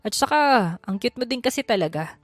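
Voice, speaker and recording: A woman's voice: on the high side, expressive, a little fast, no echo, soft background music. Woman reading as a teasing rich young man.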